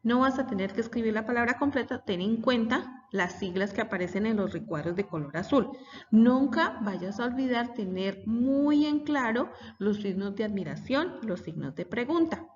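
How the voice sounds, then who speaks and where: Here the same kind of patient teacher has a highish, lively voice and keeps a moderate pace while explaining a lesson for kids and reading out example sentences. She is far from the microphone, and the classroom audio sounds dull and heavily reverberant.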